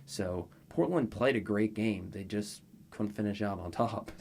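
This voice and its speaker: Low guy breaking down nba games, calm and analytical, goes into detail. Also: unhurried, a little hiss or hum. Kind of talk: sports analysis chat.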